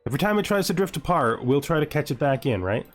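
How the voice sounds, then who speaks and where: A gameplay host with a slightly high, sing-song voice talks fast over soft background music. He gives casual commentary, thinking aloud and quizzing himself as he muses over his options.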